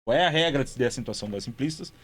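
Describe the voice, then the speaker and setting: A man's voice: medium pitch, animated, racing, a bit bright. Man teaching grammar step by step. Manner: step-by-step, repeats words and checks in with "tá?". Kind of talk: explaining grammar exercises at a board.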